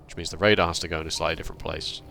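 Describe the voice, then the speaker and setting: A man's voice: a bass voice, fairly even intonation, rapid-fire, gravelly, sharp tone, slight background noise. A man hosting his gaming channel, explaining his setup step by step in casual commentary with dry, self-deprecating humour. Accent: British. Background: faint background music.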